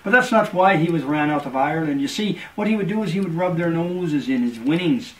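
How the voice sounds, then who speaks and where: Man telling a slow magic-trick story. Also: a little high, expressive, a bit bright, far from the mic, poor audio. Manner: slow, deliberate storyteller's delivery. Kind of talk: storytelling card trick patter.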